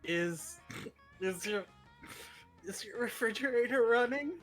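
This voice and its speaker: A man voicing a giddy, tipsy prankster woman from a game, halting and gushing. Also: extremely high pitch, faint music behind, voice pushed up, full character voice. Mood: nervous.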